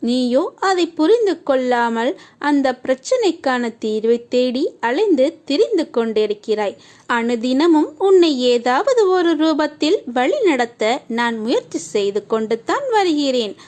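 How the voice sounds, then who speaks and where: A woman's voice: high voice, measured pace. A woman reading a scripted devotional message in a tender, consoling tone, speaking to the listener in a deity's first-person voice. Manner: steady, reading cadence in long lists of short phrases.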